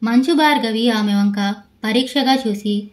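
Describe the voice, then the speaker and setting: A woman narrator reading a novel aloud in a steady storytelling manner. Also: a little high, measured pace, poor audio. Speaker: audiobook narrator.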